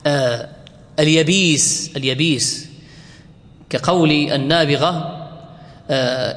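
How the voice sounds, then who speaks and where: In a classroom lecture, a man with a fairly high voice teaches Arabic word forms, posing questions to the class and answering them himself. He slows way down to spell out each form, and the audio carries a big-room sound.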